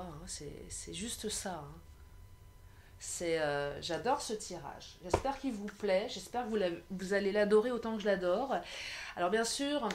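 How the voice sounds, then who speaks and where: A woman from France giving a casual tarot reading in a vlog, effusive and halting, full of restarts, speaking to her viewers as dear friends. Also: mid-range voice, a little mellow, slight background noise. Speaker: tarot card reader.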